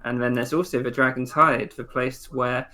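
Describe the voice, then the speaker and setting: Male game master, mid-range voice, informal tabletop chat over soft music. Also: medium pitch, fairly even intonation, moderate pace. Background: background music.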